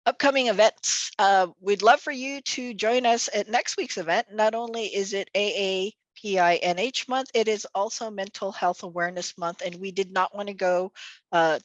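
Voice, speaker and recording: Her mid-range voice comes through a rough recording with no room sound as she opens a virtual event from home or an office via video call. The executive director, a native Tagalog speaker, delivers the welcome and announcements in a chatty, upbeat way with lots of fillers.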